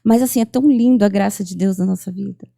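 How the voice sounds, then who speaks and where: Brazilian woman guest in her 30s, heavy gravelly fry, earnest testimony voice. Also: mid-range voice, fast, mellow. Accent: Brazilian Portuguese. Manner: earnest storytelling, acts out remembered dialogue. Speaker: podcast guest. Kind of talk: emotional testimony in casual chat.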